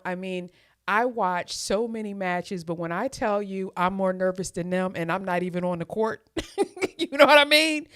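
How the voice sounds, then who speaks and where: A woman hosting a live sports watchalong, chatting casually to her viewers and getting excited as the score changes. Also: mid-range voice, clear, resonant tone, no room sound, clean studio sound. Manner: excitable, talks straight to chat with "y'all" and "you guys". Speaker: host of a live watchalong stream. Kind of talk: casual live reaction chat. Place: home.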